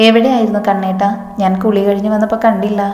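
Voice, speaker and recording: A woman voicing a gentle, tearful young wife, speaking softly, in a roomy echo with long reverb. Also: mid-range voice, little pitch movement, quick pace, soft background music, close to an everyday voice.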